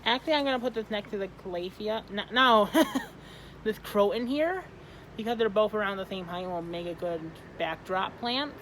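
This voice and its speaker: An eighteen-year-old from Michigan hosting a casual how-to vlog, often halting and correcting themselves mid-sentence. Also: medium pitch, fairly bright tone, slight background noise, poor audio. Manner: halting, self-correcting, trailing off. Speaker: plant arrangement seller and video host.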